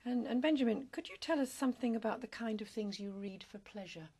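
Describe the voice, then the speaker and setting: A woman examining candidates in a speaking test, asking scripted questions in a measured, formal and polite way. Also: on the high side, expressive, darkish tone, breathy edge.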